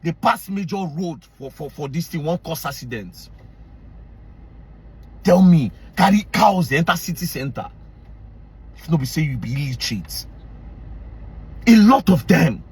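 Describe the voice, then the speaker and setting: A Nigerian online commentator delivers a heated rant straight to camera in a high, husky, slightly mellow voice. Angry and confrontational, he keeps circling back to the same lines and mixes Pidgin into his English. He is expressive and unhurried with long pauses, yet his delivery stays hard, direct and relentless.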